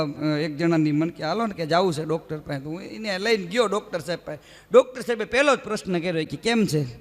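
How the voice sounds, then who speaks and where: A man doing live stand-up, telling jokes and acting out the dialogue with big jumps in his voice. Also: big-room sound. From Gujarat. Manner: animated storyteller acting out dialogue with jumping pitch. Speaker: stand-up comic. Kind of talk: live folk stand-up storytelling.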